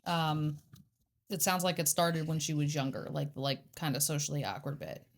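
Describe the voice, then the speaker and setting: A woman co-hosting a casual true-crime podcast, animated, reacting quickly and swearing freely. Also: deep voice. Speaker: podcast co-host.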